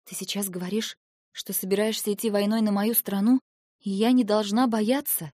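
A woman's voice: medium pitch, steady tone, moderate pace, no room sound, studio quality, close to an everyday voice. A woman reading an audiobook, voicing a frightened and defiant young heroine whose lines are emotional and pleading. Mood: shocked. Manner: emotional, pleading, rising to shouts. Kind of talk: audiobook dialogue.

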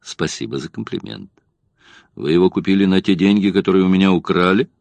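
A man's voice: low-pitched, steady tone, fairly quick, creaky, darkish tone, no room sound. A male narrator voicing a cocky secret agent who talks in a wry, mocking way.

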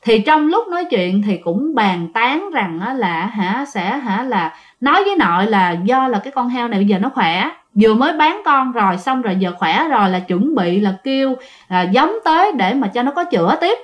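A woman's voice: on the high side, very animated, normal speed, dull audio. A woman narrating listener-sent ghost stories in a chatty way, speaking straight to her listeners. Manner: chatty, addresses listeners directly.

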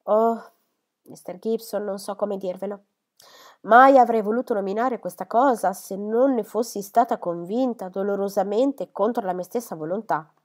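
A woman's voice: medium pitch, moderate pace, a little mellow, close to an everyday voice. A woman reading the lines of an anxious older spinster lady who is fretful and tearful, speaking in a trembling, hesitant way. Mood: distressed.

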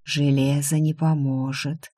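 A woman voicing a faceless male demon who speaks in a slow, cold hiss. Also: on the high side, level tone, mellow. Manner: hissing, whispering.

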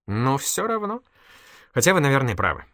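A man's voice: mid-range voice, sing-song, normal speed, fairly bright tone, no room sound, studio quality, voice pushed up. A man voicing a mischievous, giggly young woman in an audiobook, teasing and exclamatory. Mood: playful. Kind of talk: audiobook character voice.

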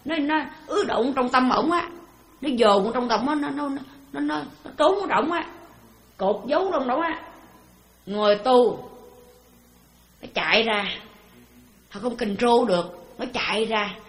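A woman gives a Buddhist dharma talk. Her voice sits a little high, and she keeps it conversational, often asking her listeners questions. The room around her rings with noticeable echo. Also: expressive, a little slow, pauses often. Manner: conversational, full of rhetorical questions. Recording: roomy echo.

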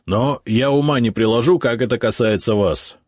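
Guy doing a cranky investigator yelling orders, husky, dry close mic. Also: mid-range voice, moderate pace, no room sound, voice pushed up, lightly acted. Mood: irritated. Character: irritated male police investigator, stern and blunt.

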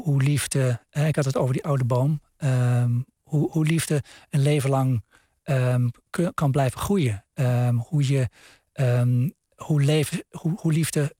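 A man speaks as a guest on a radio show, his voice dark and mellow. He talks hesitantly, searching for words and restarting his sentences. The studio sound is dry and close. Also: medium pitch, no room sound. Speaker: science journalist guest. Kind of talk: radio interview.

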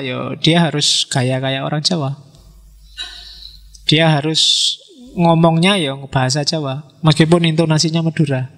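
A man's voice: on the high side, vocal fry. Man lecturing in a reverberant hall. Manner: relaxed, conversational, poses questions to listeners. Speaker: philosophy lecturer. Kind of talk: casual lecture to an audience.

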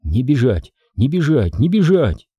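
A woman's voice: deep voice, big pitch swings, normal speed, dark tone, breathy edge, dry recording, voice pushed up, exaggerated voice. A man reading a novel aloud and voicing a frightened, stubborn young woman in a raised, tense voice. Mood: panicked. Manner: tense, breathless, insistent.

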